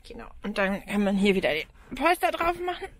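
A very animated, fairly quick mid-range voice belongs to an Austrian German-accented vlogger in her forties, casually touring a camper van outdoors. She talks frankly to an action camera at arm's length, peppering her speech with ums and small laughs over background noise.

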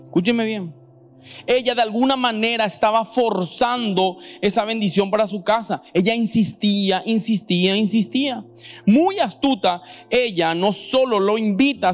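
A man with a Paraguayan Spanish accent preaching a sermon as pastor at a church service, animated and questioning the congregation directly. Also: sits high.

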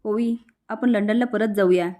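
A woman reading a remorseful gentle father. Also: mid-range voice, fairly even intonation, normal speed, close to an everyday voice. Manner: apologetic, soft. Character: remorseful father apologising to his daughter, gentle.

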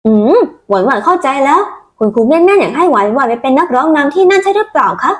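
A woman's voice: high voice, sing-song, very fast. A woman voicing a sweet, eager little girl who loves to sing, speaking politely in a childlike way.

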